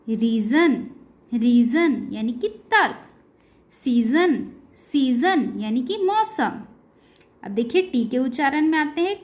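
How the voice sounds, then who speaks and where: Woman, high-pitched voice, pronunciation teacher, beginner lesson, slow deliberate word-by-word explanations. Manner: addresses viewers as her dear children. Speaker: English teacher.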